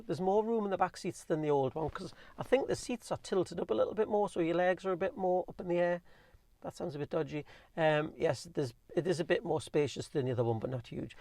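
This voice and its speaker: A man with a Geordie accent rattling through a casual, rambling Q&A, talking fast with plenty of ums and restarts. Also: a little high, a little mellow, no echo, clean studio sound. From North East England. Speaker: vlogger reviewing his car. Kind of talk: casual chatty Q&A.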